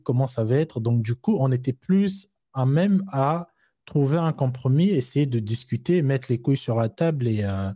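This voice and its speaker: There's no room sound in this clean studio recording of a man co-hosting a live discussion show in a warm, medium-pitched voice. He tends to ramble, with frequent fillers and restarts, and explains with everyday examples.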